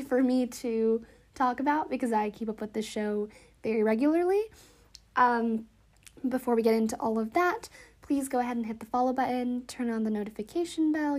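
A woman's voice: a little high, warm tone. A woman hosting a casual solo podcast in a chatty, upbeat, informal way, sounding stuffed up and slightly wheezy. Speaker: podcast host.

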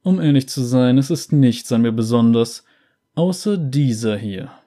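A vain nobleman from a video game brags about himself, read by a man. He sounds slow and self-satisfied, with a warm, dark tone. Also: mid-range voice, animated, natural voice. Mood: boastful.

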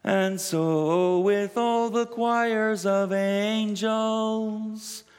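A man leading worship, chanting the liturgy slowly in sustained sung phrases, with a cathedral echo. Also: sits high, fairly even intonation, soft background music. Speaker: presiding minister. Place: large church. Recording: long reverb of a church hall.

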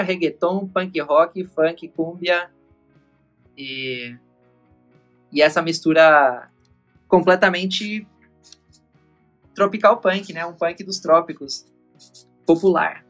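Mexican-born musician guy chatting from home, lively, bit of music behind. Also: a little high, slow pace, pauses often. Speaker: musician guest. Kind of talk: casual interview. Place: home in a busy city centre.

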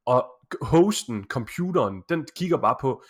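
A man in a casual gaming chat, patiently explaining and slowing down on key words. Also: mid-range voice, expressive, slightly rough.

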